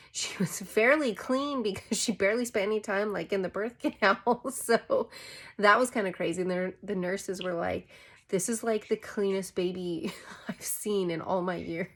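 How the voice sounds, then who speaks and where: A woman's voice: mid-range voice, vocal fry. A young woman vlogger telling a personal story in a casual, chatty way, full of "like" fillers. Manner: chatty, heavy use of "like" fillers.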